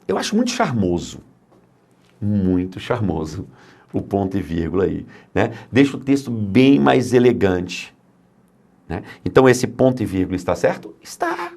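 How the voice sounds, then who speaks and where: A man's voice: fairly low pitch, wildly swooping pitch, moderate pace, vocal fry, dark tone. A man teaching grammar for exam prep, emphatic and fond of asking and answering his own questions.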